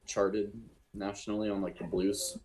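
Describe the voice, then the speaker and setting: A man's voice: lowish voice, flat delivery, moderate pace, darkish tone, rough recording. A man in his twenties, a band member talking casually on a podcast in an easygoing, matter-of-fact way. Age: 20s.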